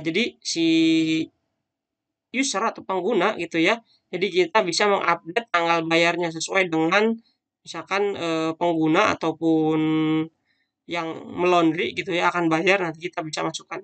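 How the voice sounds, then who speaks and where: Sitting at a computer, a man narrates a screen-recorded coding tutorial in a slightly high, fairly bright voice. His style is casual, with frequent fillers as he thinks aloud through the demonstration.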